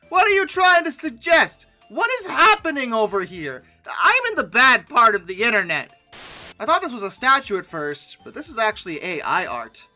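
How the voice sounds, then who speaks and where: Over background music, the host of a comedy reaction video delivers unscripted jokes about a series of images. His voice is bright and cutting, with wildly animated pitch, and he lets pauses stretch between sarcastic, over-the-top exclamations.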